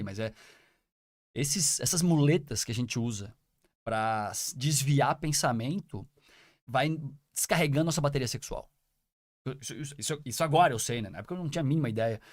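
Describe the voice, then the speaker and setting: Fast-talking man, earnest podcast guest. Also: mid-range voice, no room sound, clean studio sound. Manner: earnest, repeats words for emphasis. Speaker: podcast guest, business partner. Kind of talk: casual podcast conversation.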